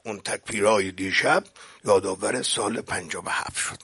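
Husky, forceful male preacher. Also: lowish voice. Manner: recites Arabic passages then paraphrases them, often swelling to loud declamation. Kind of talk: impassioned religious sermon.

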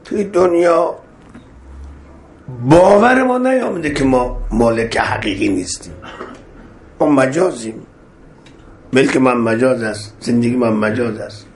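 Persian preacher with swooping emphasis. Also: male voice, mid-range voice, lively intonation, pauses often, slight background noise. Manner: rising and falling emphasis, repeating phrases, chanting Arabic verses. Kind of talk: sermon.

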